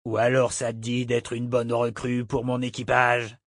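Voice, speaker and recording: A man's voice: mid-range voice, monotone, moderate pace, no echo, clean studio sound, close to an everyday voice. A man voicing a cheerful, sarcastic pirate captain who drawls his threats. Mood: mocking.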